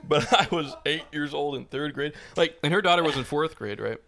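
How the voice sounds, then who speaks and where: A man's voice: a little high, a little fast, gravelly, sharp tone. A man in his twenties co-hosting a podcast, chatting casually, joking and rambling with frequent laughs. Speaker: podcast co-host. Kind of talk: casual chat.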